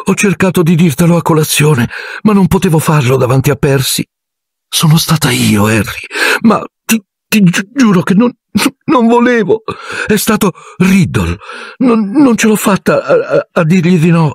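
A woman's voice: sits low, sing-song, normal speed, darkish tone, husky, no echo, studio quality, pitched above the performer's own voice, full character voice. A man voicing a frightened young girl who stammers through sobs, in a storybook reading. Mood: tearful. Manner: stammering, sobbing.

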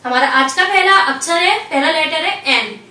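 A woman teaching a language lesson, going slowly and patiently through each letter and repeating it. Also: high-pitched, lively intonation, bright, forceful tone, reverberant, recorded from a distance.

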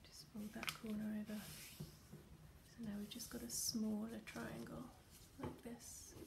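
Woman, meditation leader: soft, unhurried, slightly gravelly voice, level delivery, faint background noise. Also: on the high side, completely flat delivery. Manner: soft, gentle, many fillers; often drops to a near whisper. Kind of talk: guided craft meditation. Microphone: computer or phone camera.

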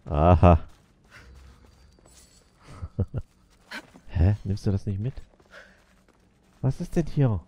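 Deep-voiced man mumbling gameplay commentary. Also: very animated, extremely slow, pauses often, lo-fi sound, slight background noise. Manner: muttering, talking to the game characters. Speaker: let's play gamer.

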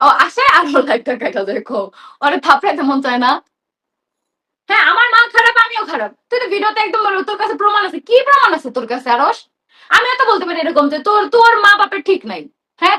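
A woman's voice: extremely high pitch, bright, forceful tone. A young woman, hosting a live stream and ranting in a heated, sarcastic, confrontational way.

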